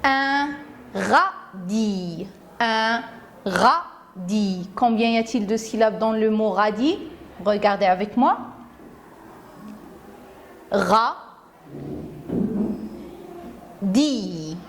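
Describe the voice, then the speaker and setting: A woman's voice: mid-range voice, slow, a little hiss or hum. A woman teacher gives a phonics lesson to young children. She says each word carefully, repeats it, and breaks it into syllables. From Morocco. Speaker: primary school teacher.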